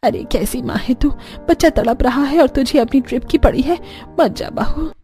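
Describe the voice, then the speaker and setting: A woman's voice: high voice, moderate pace, warm tone, faint music behind. A woman voicing a worried elderly grandmother who talks in a plaintive, sighing way. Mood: pleading. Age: older.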